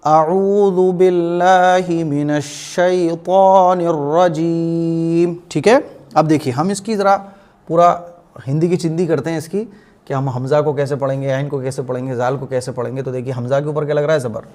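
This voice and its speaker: A man's voice: medium pitch, steady tone, a little mellow. Patient man teaching Quran reading. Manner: patient, asks questions and answers them himself; draws out recited words slowly to demonstrate.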